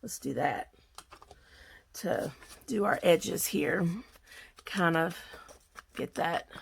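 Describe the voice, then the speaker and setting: A woman's voice: on the low side, drawn-out words, vocal fry, slightly rough. A woman from Kentucky with a Southern accent, chatting casually and rambling folksily as she walks through a craft project at her home work table. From Kentucky, USA. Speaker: craft vlogger. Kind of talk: casual crafting tutorial chat.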